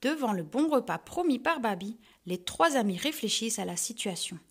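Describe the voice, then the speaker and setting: A woman narrating a children's storybook in a lively, expressive way. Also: a little high, moderate pace, slightly rough.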